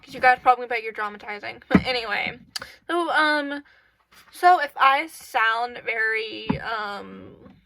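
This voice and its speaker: She runs her own channel and offers laid-back, rambling advice packed with fillers, congested and stuffy because of a cold. Her rather high voice is pushed and bright with vocal fry, moving a little slowly. The bedroom camera captures it in low quality.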